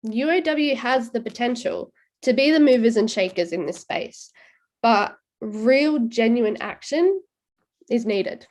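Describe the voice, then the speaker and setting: A woman's voice: on the high side, lively intonation, measured pace, darkish tone. A middle-aged woman speaking as a student panelist on a video call, earnest and direct, congested and a little short of breath. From Australia. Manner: earnest, direct, challenging the audience. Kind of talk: virtual panel remarks.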